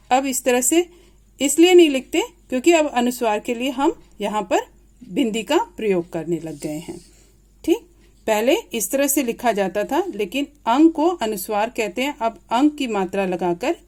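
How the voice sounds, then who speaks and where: A woman teacher giving a grade-school grammar lesson, slowly and patiently repeating each example aloud. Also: a little high, darkish tone.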